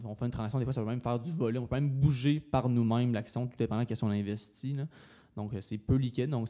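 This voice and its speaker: Quebec French male podcast guest, mellow low timbre, halting casual delivery. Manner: hesitant, frequent fillers. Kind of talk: casual finance podcast talk.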